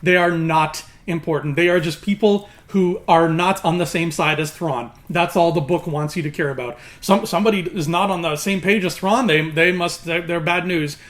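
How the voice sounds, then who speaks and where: This YouTube book reviewer has a fairly high, fairly bright voice, talking at a normal speed with few pauses. His opinionated review is emphatic, sarcastic and exasperated. A swollen mouth leaves his articulation slightly slurred, as if he had marbles in his mouth.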